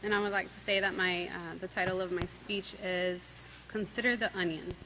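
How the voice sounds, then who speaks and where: A woman's voice: on the low side, fairly even intonation, moderate pace, background noise. A woman addressing a church congregation formally as she opens her speech. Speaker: congregation speaker. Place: church hall.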